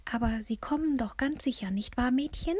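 A woman reading an audiobook, voicing a confused, frail old woman in a soft, whispery voice. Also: a little high, big pitch swings, moderate pace, breathy edge, no echo, pitched above the performer's own voice. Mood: anxious, hopeful.

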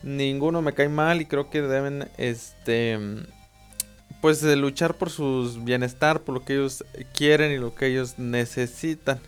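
A young man with a Mexican accent casually telling a personal story, slangy and animated. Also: mid-range voice, measured pace, clean tone, faint music behind. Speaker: vlogger.

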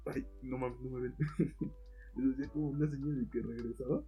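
A man's voice: mid-range voice, steady tone, brisk, warm tone, slightly rough, soft background music, poor audio. A young man with a Mexican accent, telling a long story in casual chat, full of slang, often acting out the voices of the people in it. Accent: Mexican Spanish. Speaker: podcast co-host telling a story.

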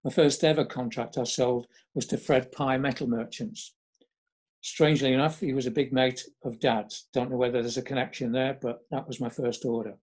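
Husky older man reminiscing. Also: mid-range voice, steady tone, moderate pace, a little mellow. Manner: chatty, wry, reminiscing. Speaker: storyteller. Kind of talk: memoir storytelling.

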